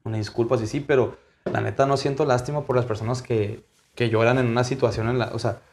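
A young Mexican man speaking bluntly in a casual chat, medium-pitched and slangy. He states firm opinions and keeps adding quick apologetic asides. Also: fairly even intonation, darkish tone. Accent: Mexican Spanish.

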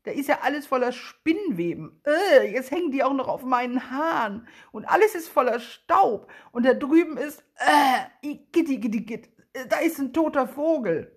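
Eine Frau spricht einen frechen, abenteuerlustigen kleinen Jungen, der laut und aufgeregt quiekt. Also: female voice, on the high side, takes it slowly, breathy edge, pitched above the performer's own voice, exaggerated voice. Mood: disgusted. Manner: loud, excited and squealing when disgusted. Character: cheeky adventurous young boy.

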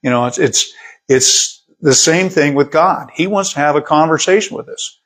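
A man's voice: fairly high pitch, normal speed, fairly bright tone, breathy edge. A middle-aged male pastor preaching a sermon in a conversational way, often repeating words as he reads and explains scripture.

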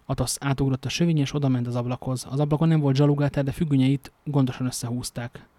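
A man's voice: mid-range voice, fairly even intonation, warm tone, no echo. A man reading a novel aloud, stumbling now and then and adding casual joking asides. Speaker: amateur reader.

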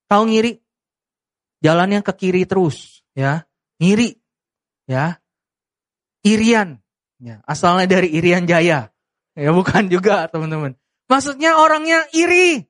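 A woman's voice: on the low side, animated, unhurried, pauses often, no room sound, studio quality. A woman preaching a casual youth sermon in speech, joking, asking the crowd questions and acting out people's inner thoughts. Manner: jokey, chatty, asks the crowd questions; acts out characters' inner talk.

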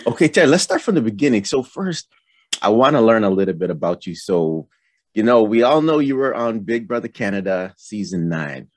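A man's voice: on the low side, expressive, brisk, darkish tone, no room sound. A man hosting a podcast, asking easygoing, curious questions in a casual interview. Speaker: podcast host.

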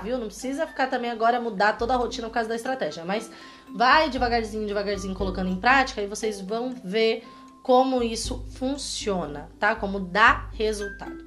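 A woman's voice: fairly high pitch, a bit bright. A woman with a Brazilian accent giving a casual, playful parenting lesson, often ending with tag questions. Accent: Brazilian Portuguese. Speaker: parenting educator. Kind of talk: casual teaching talk.

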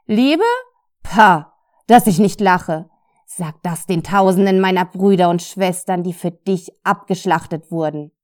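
A woman's voice: on the high side, moderate pace, darkish tone, voice pushed up, close to an everyday voice. A woman voicing a bitter, scornful male spirit in an audiobook, reproachful and mocking.

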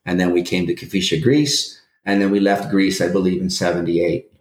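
Man in his forties, very deep voice, rambling and hesitant, echoey room. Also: level tone, fairly quick. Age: 40s. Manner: rambling, hesitant, many restarts. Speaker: guest. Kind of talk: casual interview.

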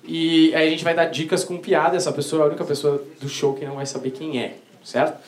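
A man's voice: on the high side, little pitch movement, fast talker. A man hosting a live comedy game, teasing audience members with banter. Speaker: comedy show host. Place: comedy club stage. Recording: echoey club with audience. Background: audience laughter.

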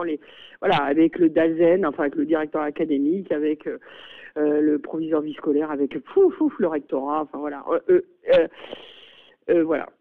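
A middle-aged woman, a school principal, speaks in a radio interview. She hesitates often and drops in lively exclamations. Her voice comes through narrow and phone-like. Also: fairly low pitch, gravelly. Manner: hesitant, many fillers and exclamations.

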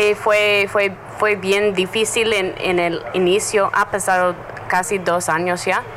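A woman from the United States, a native English speaker, talks casually in Spanish with an American accent, searching for words as she goes. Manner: halting, searching for words in a second language. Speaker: interview guest, journalist. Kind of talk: casual conversation. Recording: noisy, with traffic rumble behind.

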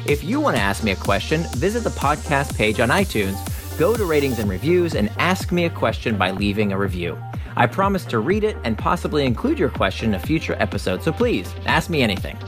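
A man opens his podcast with a friendly, inviting introduction. His pitch rises and falls in a lively way, and music plays clearly underneath him. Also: a little fast. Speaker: podcast host.

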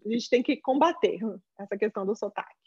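A woman from Brazil, a Portuguese teacher and children's author, answering interview questions in an animated way, often restarting phrases and acting out what parents say. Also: on the high side, fast talker, breathy edge. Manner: animated, with frequent restarts and quoted parents' voices. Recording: dull lo-fi audio.

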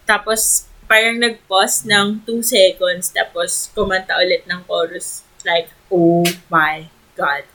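A woman with a Filipino accent chatting as a podcast co-host, gushing and excitable, slipping English into her Tagalog. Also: on the low side, slow pace, poor audio. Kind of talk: casual fan chat.

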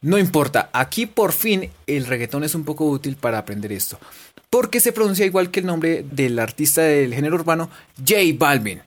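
A woman's voice: low voice, lively intonation, moderate pace. A woman teaching English pronunciation in a playful, chatty, encouraging way. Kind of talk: casual online lesson.

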